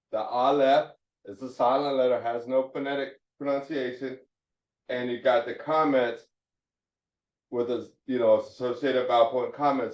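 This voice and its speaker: A man teaching a Hebrew phonics class, explaining slowly and repeating his points as he writes on a board. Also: medium pitch, a little mellow. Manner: slow, repeats points, restarts mid-sentence. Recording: echoey room, dull lo-fi sound.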